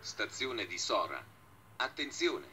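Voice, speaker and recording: A man reading a flat, formal railway station announcement in clipped, formulaic segments. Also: fairly low pitch, takes it slowly, over music.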